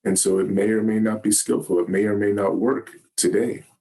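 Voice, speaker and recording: Zen teacher, male, lowish voice; gentle, halting dharma-talk delivery with many pauses. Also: little pitch movement. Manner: gentle, halting, searching for words. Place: meditation hall.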